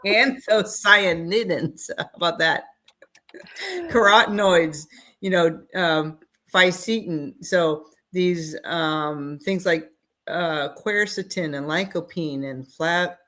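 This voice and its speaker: A woman's voice: low voice, slow, fairly bright tone. A woman co-hosting a casual nutrition podcast, chatty, trailing off with fillers and laughing often. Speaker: podcast co-host.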